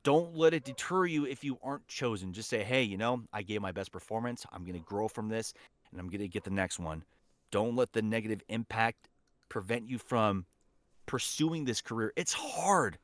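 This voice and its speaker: Speaking at normal speed with lively intonation and a fairly low pitch, a man guests on a podcast as a voice actor and teacher. He gives conversational, encouraging advice with emphasis, repeating key phrases. There is no echo in the recording.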